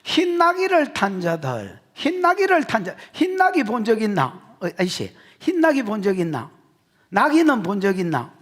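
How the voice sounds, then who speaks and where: A man with a Gyeongsang Korean accent preaching an expository sermon as pastor, joking with the congregation and shouting his key points. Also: sits high, normal speed. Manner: animated, jokey, shouts for emphasis.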